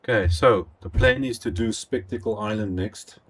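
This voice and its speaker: A man thinking aloud as he streams a building game, rambling with halting restarts. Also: fairly low pitch, husky. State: out of breath. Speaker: gaming live streamer. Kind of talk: casual live-stream commentary.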